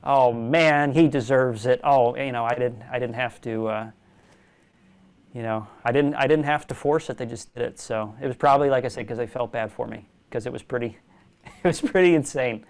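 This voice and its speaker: Smooth-voiced young man telling stories. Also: medium pitch, brisk. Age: young adult. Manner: animated storyteller, laughs often. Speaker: magician guest. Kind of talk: casual storytelling interview.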